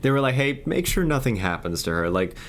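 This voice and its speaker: Podcast guest, male, casual rambling storyteller, mid pitch. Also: very animated, fairly quick, fairly bright tone. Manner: rambling, with many filler "like"s.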